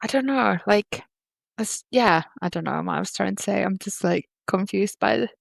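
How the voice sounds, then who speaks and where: A woman's voice: mid-range voice, moderate pace, creaky, no room sound, studio quality. A woman co-hosting a podcast over a remote call, chatting casually, rambling and correcting herself with laughs. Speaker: podcast co-host. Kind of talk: casual chat.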